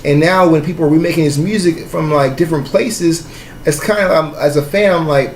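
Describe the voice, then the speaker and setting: A man from the Pacific Northwest with a slightly high voice hosts a casual interview. He speaks in a slangy, roundabout way. The room echoes noticeably and there is faint noise. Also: a little fast. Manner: slangy, discursive, often says "you know what I mean". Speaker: podcast host, interviewer. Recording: roomy echo, faint background noise.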